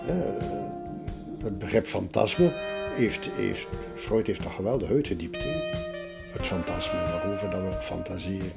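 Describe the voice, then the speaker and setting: An older Flemish-accented art collector, speaking as an interviewee, tells stories and explains things casually, sprinkling in repeated little tags. His deep voice is unhurried with vocal fry, in a roomy, echoing space with music behind.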